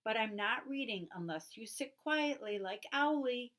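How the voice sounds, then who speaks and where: A woman voicing a small, earnest young male owl who talks high and gets loud when upset. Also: unhurried. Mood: fussy. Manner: high, excited, rising to loud protest.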